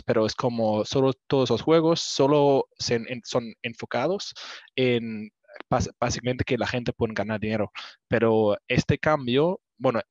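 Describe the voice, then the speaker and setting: A man's voice: medium pitch, no room sound. Spanish-speaking man. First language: not a native Spanish speaker, learning it. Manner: halting, searching for words, mixes in English terms. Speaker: startup founder on a panel. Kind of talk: informal spoken pitch in hesitant Spanish. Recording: dull lo-fi audio, close and dry.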